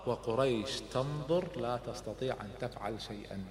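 A man's voice: mid-range voice, a little fast. A middle-aged man gives a dramatic storytelling lecture and acts out the voices in his story. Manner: animated, acts out quoted voices and shouts. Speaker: lecturer on religious history. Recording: echoey hall recording.

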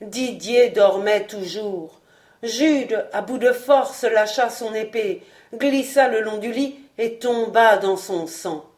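A woman narrating a classic novel as an audiobook, in a measured, expressive reading. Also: on the high side. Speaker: audiobook reader. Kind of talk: scripted narration.

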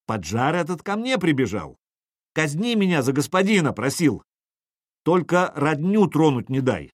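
A man voicing a bold young male leader who loudly declaims to a crowd. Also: a little high, sing-song, moderate pace, dry recording, studio quality. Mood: declaiming. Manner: loud, declaiming.

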